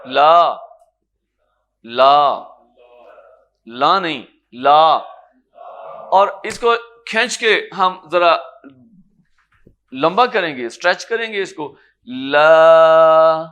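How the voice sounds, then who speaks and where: A man from Pakistan with a Pakistani Urdu accent, teaching a tajweed lesson in a lecture room, patiently explaining and slowly sounding out Arabic letters. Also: high voice, lively intonation, bright, forceful tone, highs cut off. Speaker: Quran recitation teacher.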